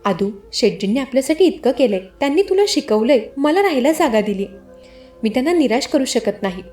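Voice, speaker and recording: A woman doing a gentle elder sister, soft, hushed, patient, a high voice, storybook telling. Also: big pitch swings, a little fast, faint music behind. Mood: sad.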